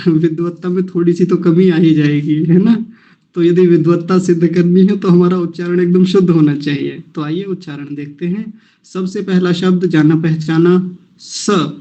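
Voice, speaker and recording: A man with a high voice teaches the correct pronunciation of a sacred verse. He breaks each word into syllables and repeats them slowly and patiently. The recording sounds muffled and lo-fi. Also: mellow. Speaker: Vedic mantra teacher. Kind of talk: recitation lesson, slow syllable drills.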